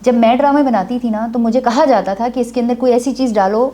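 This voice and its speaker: This woman from Kashmir speaks in a notably high voice. As a talk show guest, she spins chatty, anecdotal stories in a casual, conversational flow. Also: warm tone. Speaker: guest, former drama maker.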